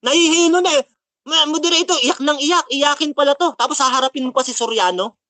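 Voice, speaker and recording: The recording is dry, and the man's very high-pitched voice sounds pushed and bright, moving a little fast. Speaking after a religious debate, this preacher heatedly mocks his opponent, laughs at him, and quotes the Bible between his taunts.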